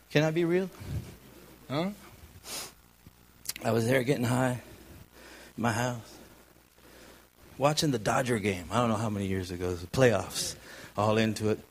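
A man from California in his fifties preaching a sermon with personal testimony, moving from quiet, low storytelling to shouted preaching. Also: husky.

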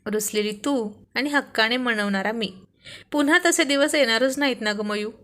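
A woman's voice: on the high side, moderate pace, pushed and bright. A woman voicing a playful, teasing young husband in a read-aloud story. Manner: teasing, affectionate.

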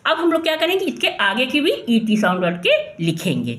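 A woman teacher, slowly sounding out letters and asking questions in a phonics lesson for children. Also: sits high, big pitch swings, fairly bright tone.

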